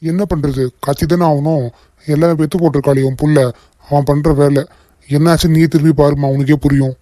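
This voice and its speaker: A man voicing a grumpy older father-in-law in a cartoon, gruff and complaining. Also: fairly high pitch, level tone, fairly quick, dark tone, no echo, clean studio sound, natural voice. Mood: grumbling. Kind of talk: cartoon voice acting.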